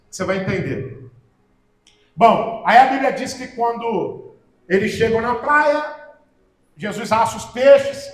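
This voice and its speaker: A man with a Brazilian accent preaching a sermon, telling stories and acting out the voices in them with growing emphasis. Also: sits high. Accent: Brazilian Portuguese. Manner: storytelling, acts out quoted voices with rising emphasis. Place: church hall. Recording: echoey church hall.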